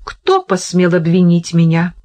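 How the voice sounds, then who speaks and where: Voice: animated, measured pace, mellow, close to an everyday voice. Reader voicing a defiant scheming sultan's wife. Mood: defiant shouting. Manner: pleading, then shrill and defiant. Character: scheming, desperate sultan's wife, middle-aged.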